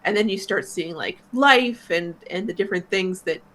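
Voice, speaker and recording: A woman's voice: mid-range voice, normal speed, a bit bright. A woman co-hosting a movie reaction, talking thoughtfully in a hesitant, casual way. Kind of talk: casual chat.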